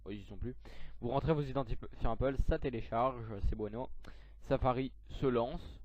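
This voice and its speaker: A man's voice: mid-range voice, normal speed, darkish tone, no echo. Young guy doing a pc tutorial, lots of euh and restarts, dull lo-fi dry mic. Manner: hesitant, lots of fillers and self-corrections. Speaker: tech tutorial youtuber. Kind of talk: screen-recorded software tutorial.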